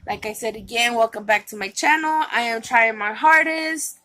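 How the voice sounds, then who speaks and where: A woman with a somewhat high voice chats casually to her viewers. She rambles, restarts her sentences and leans on fillers. She sounds a little worn out. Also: moderate pace, sharp tone, low-quality recording. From California. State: tired. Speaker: vlogger. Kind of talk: casual vlog chat.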